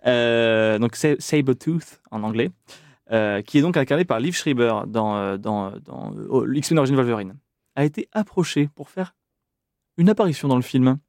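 A man hosts a relaxed film podcast, chatty and fond of trivia. His voice sits at an ordinary middle pitch. The sound is close and dry. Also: moderate pace, no echo. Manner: chatty, many fillers, relishes film trivia. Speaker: podcast host. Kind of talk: casual film podcast chat.

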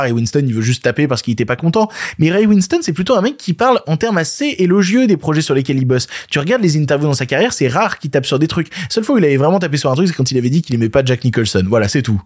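A man's voice: medium pitch, darkish tone. A French man hosting a casual film podcast, sarcastic and ranting. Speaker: podcast host. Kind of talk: casual film news chat.

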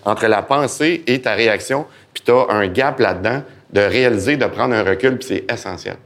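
A man with a Québécois French accent speaking as a guest on a live podcast in front of an audience, animated and joking, acting out the voices in his head. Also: on the low side, moderate pace. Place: event hall with live audience.

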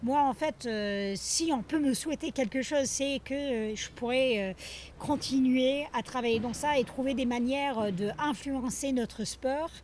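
A woman's voice: high-pitched, unhurried, a little mellow, a little hiss or hum. A woman guest in a casual interview, talking hesitantly with many fillers. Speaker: guest athlete.

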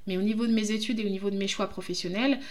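A French woman hosting her own podcast, speaking in a reflective, hesitant way with many pauses. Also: mid-range voice, fairly even intonation, a little mellow. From France. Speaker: podcast host, jurist. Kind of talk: casual podcast monologue.

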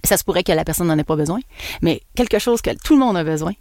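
A woman's voice: on the low side, lively intonation, quick pace, a little mellow, no room sound, studio quality. A woman with a Québécois accent hosting her own solo podcast as an NLP coach, talking casually and playfully, swooping up and down and laughing at herself. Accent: Québécois French. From Quebec.

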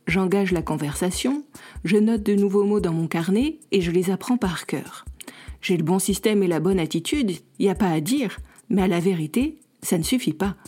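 Woman reading as an earnest young French newcomer to Canada, mellow tone, self-mocking, storybook telling. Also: mid-range voice, breathy edge.

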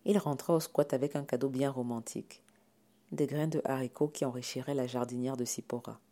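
A man reading a comic story aloud in a wry, deadpan narration. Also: mid-range voice, a little fast, slight background noise.

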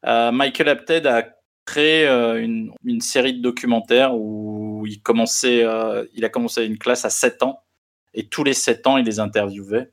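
A man's voice: mid-range voice, steady tone, moderate pace. A man co-hosting a casual film podcast, telling digressive anecdotes with many fillers. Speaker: podcast co-host.

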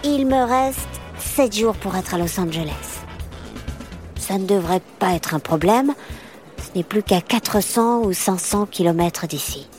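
A woman narrating a children's story in the first person, calm and matter-of-fact. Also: medium pitch, unhurried, soft background music.

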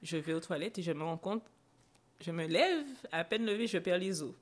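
A young woman with a somewhat low voice speaks as a podcast guest about something she lived through. She hesitates often, restarting phrases and filling pauses. Her telling is emotional and candid. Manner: hesitant, frequent fillers and restarts; emotional recounting. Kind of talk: personal storytelling in a podcast interview.

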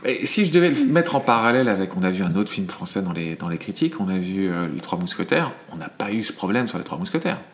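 Middle-aged man, low voice, hesitant reviewer. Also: sing-song. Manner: hesitant, thinking aloud with many restarts; measured and explanatory. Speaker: film reviewer co-host. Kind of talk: casual chat.

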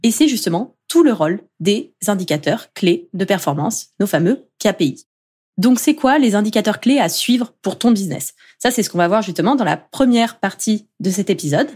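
A woman's voice: mid-range voice, expressive, normal speed, darkish tone, breathy edge. A woman in her thirties hosting a solo podcast as a productivity coach, chatty and upbeat, talking straight to the listener.

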